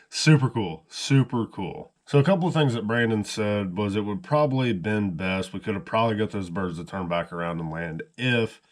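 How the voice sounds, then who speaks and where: A man's voice: lowish voice, moderate pace, dry recording. A man casually narrating a hunting vlog outdoors, chatty and easygoing, explaining things as he goes on an action camera. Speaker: hunting vlogger. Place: outdoors in a rural field.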